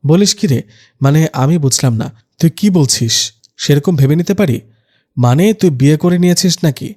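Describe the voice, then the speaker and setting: A man's voice: on the high side, quick pace, mellow, lightly acted. A man voicing a young male best friend who jokes and teases in casual banter in a spoken storybook.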